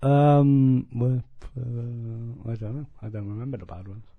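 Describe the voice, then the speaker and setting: A man's voice: mid-range voice, steady tone, measured pace, vocal fry, no echo, phone-quality sound. A man in his thirties with a lisp, co-hosting a casual podcast chat with dry, teasing banter. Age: 30s. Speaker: podcast co-host. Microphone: studio podcast mic.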